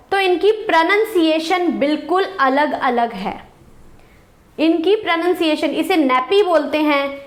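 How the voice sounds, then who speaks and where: A woman teaching a spoken vocabulary lesson, explaining slowly, spelling words out letter by letter and repeating them. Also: sits high, reverberant. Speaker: English teacher.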